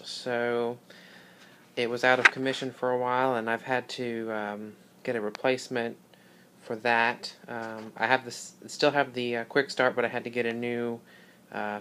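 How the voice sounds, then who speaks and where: A man hosting a casual hobby video, explaining equipment in an informal, halting way, recorded on a handheld device indoors. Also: medium pitch, flat delivery, fairly bright tone, slight background noise. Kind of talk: casual product demonstration vlog. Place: small carpeted room indoors. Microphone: handheld phone or camera mic.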